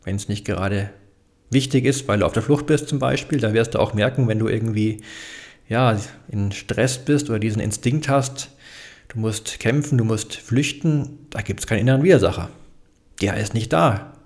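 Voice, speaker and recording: Male self-help speaker, low-pitched with a gravelly edge, calm and explanatory, addresses the listener directly. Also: moderate pace. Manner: frequent thinking fillers. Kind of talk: motivational self-help talk.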